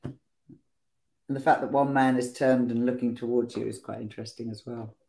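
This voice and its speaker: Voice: medium pitch, steady tone, normal speed, vocal fry, darkish tone. A podcast host leading a casual interview in a friendly, chatty way, stumbling over words now and then.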